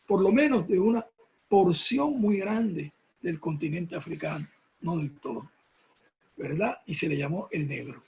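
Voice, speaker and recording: A man with a husky, raspy voice, lecturing in an emphatic, reflective way with rhetorical repetition and tag questions. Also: high voice. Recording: dull lo-fi sound.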